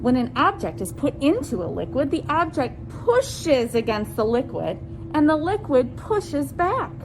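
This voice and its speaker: Her high, sing-song voice carries a children's science storytime, which this woman reads deliberately while treating her young listeners as friends. She asks them simple questions against a noisy background.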